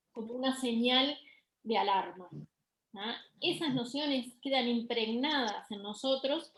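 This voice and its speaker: A woman's voice: a little high, low-quality recording. A middle-aged woman giving a university lecture on music therapy, explaining patiently with fillers and restarts.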